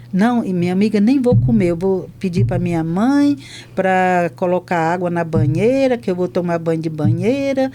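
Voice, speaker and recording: On a podcast, an older woman from Brazil, a hospital chaplain, shares testimony stories and plays out both parties in each conversation with lively energy. Her voice is mid-range, and there's slight background noise.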